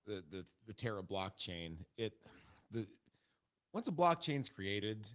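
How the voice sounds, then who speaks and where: A man on a casual bar-talk podcast, explaining things patiently in a lowish voice. He trips over repeated words as he starts sentences. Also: very animated, slow pace, a bit bright. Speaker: podcast co-host.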